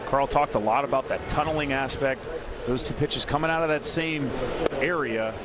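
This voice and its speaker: A man's voice: mid-range voice, moderate pace, very noisy. An American man working as a baseball color analyst, explaining plays in conversational live commentary.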